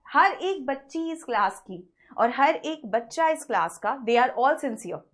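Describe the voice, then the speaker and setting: Woman, English grammar teacher, high voice, Hindi-English mix, asks and answers her own questions. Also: expressive. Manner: slows down to read English example sentences. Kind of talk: online grammar lecture.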